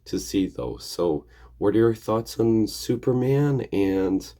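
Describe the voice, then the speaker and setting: A man with a slightly hoarse, gravelly voice from getting over an illness, chatting in a casual, rambling, hesitant way as a video host. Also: lowish voice, expressive, slow pace, dark tone. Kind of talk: casual rambling vlog chat.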